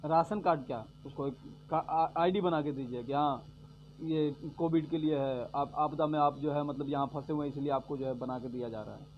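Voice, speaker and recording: A man giving a sarcastic political rant, repeating his points and swinging between loud jabs and low mutters. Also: fairly even intonation, brisk. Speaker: vlogger giving political commentary. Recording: dull lo-fi audio with faint hum.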